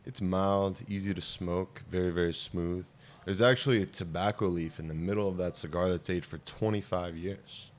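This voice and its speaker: A man with a very deep, low voice hosts a casual chat. He talks in a laid-back, joking way, and faint noise sits behind him. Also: normal speed. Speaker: show host.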